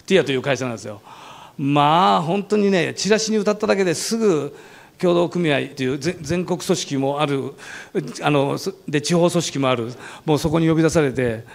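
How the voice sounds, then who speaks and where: Male company founder, rapid, expressive storyteller with a bouncy high voice who slips into others' voices. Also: creaky. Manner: lively, laughs often, acts out quoted voices. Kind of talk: animated storytelling talk.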